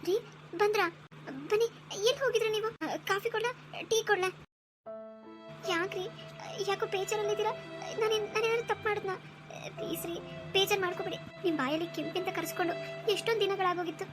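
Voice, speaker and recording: A woman voicing a kind, pregnant young village wife in a cartoon story, speaking in a soft, caring, forgiving way. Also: extremely high pitch, fairly even intonation, fast, pauses often, music in the background.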